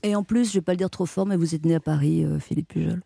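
A radio host interviewing a guest and announcing what comes next, with brisk delivery. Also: mid-range voice, gravelly, warm tone, slightly rough, no echo.

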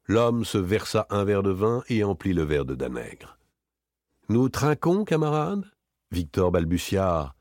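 A man reading a crime story aloud as an audiobook narrator, in a theatrical, expressive way. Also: low-pitched, measured pace, no room sound, studio quality. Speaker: audiobook reader.

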